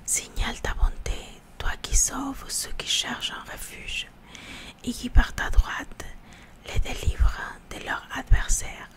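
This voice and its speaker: Casting: female ASMR reader, hushed library whisper, unhurried and slightly halting scripture reading. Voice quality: hushed library-style whisper, mostly unvoiced. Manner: slow, halting reading with repeated words.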